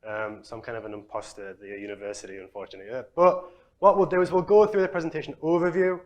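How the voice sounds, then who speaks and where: A young man from Newcastle, giving a relaxed, chatty conference talk as a researcher. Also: mid-range voice, fast, highs cut off. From Newcastle, England. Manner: relaxed, chatty, self-deprecating. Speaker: exercise physiology researcher. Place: conference hall.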